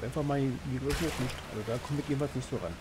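Male let's play host, mid pitch, slangy thinking aloud, clear game noise behind. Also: fast. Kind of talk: casual gameplay commentary. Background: game ambience.

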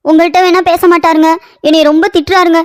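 A woman voicing a young, sharp-tongued, scheming daughter-in-law in a cartoon story, scolding and complaining. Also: extremely high pitch, little pitch movement, fast talker, dry recording, clean studio sound.

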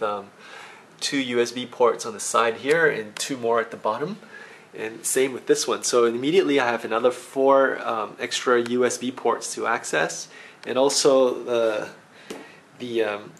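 Man, gravelly, mid-pitched, halting casual tech demo, home office, faint hiss behind. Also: fairly bright tone. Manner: halting, many ums and restarts. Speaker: tech vlogger. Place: home office in a high-rise apartment.

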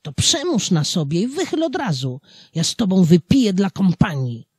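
A scheming, gleeful devil from an old folk tale coaxes and cajoles in a slow, breathy voice that jumps up high on his exclamations, as the narrator puts him on. The reading is close and dry, and the pitch moves a lot. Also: wildly swooping pitch, no echo. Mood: coaxing. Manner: coaxing, boisterous, loud high exclamations.

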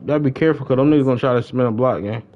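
A gamer livestreams with very fast, medium-pitched speech and lo-fi sound quality. He banters casually in slang and keeps repeating his phrases.

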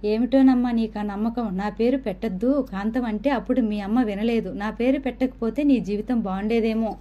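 A woman voicing a frail, gentle elderly grandmother who speaks tenderly and sorrowfully. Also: fairly high pitch, fairly quick, highs cut off, lightly acted. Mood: sad, tender.

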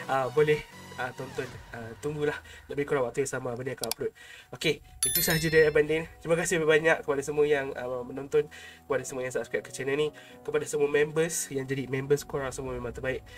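A young Malaysian man with a slightly high voice hosts a casual vlog. He speaks informally and chattily to his viewers, close to the mic in a home room, with music playing behind him. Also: quick pace. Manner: informal, chatty, addresses viewers as an older brother. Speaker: YouTube channel host. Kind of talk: casual vlog talk to subscribers. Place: small home room, indoors. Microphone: close desk microphone. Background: background music.

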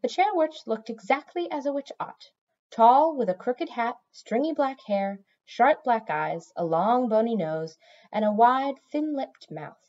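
Woman audiobook reader, lively and animated storybook narration, muffled lo-fi home recording. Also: on the high side, measured pace.

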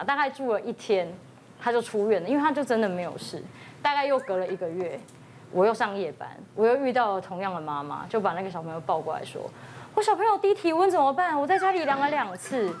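Fast-talking woman doctor telling a story. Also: on the high side, lively intonation, a little hiss or hum. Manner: retells dialogue, quickly switching into quoted voices. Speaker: emergency room doctor. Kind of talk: anecdote on a TV talk show.

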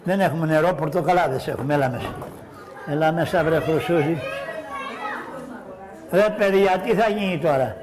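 A man voicing a cheeky, scheming poor man in live shadow-puppet theatre, bantering loudly with an audience of children. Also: on the high side, long pauses, crowd noise, voice pushed down, close to an everyday voice. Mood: mocking. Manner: loud, bantering, teasing, addresses children in audience. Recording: live show with audience noise.

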